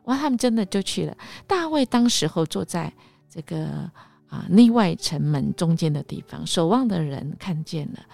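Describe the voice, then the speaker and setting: A woman with a low, gravelly voice leads a devotional Bible storytelling segment. Her telling is animated, and she often sinks into hushed half-whispers. Soft music plays faintly behind her. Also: normal speed. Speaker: devotional podcast host.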